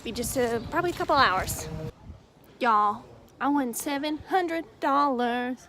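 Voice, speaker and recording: A woman's voice: high voice, lively intonation, unhurried, bright, forceful tone. A young woman barrel racer talking casually to the camera in a horse trailer, chatty and self-deprecating. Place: horse trailer during heavy rain. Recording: noisy, with rain and outdoor clatter.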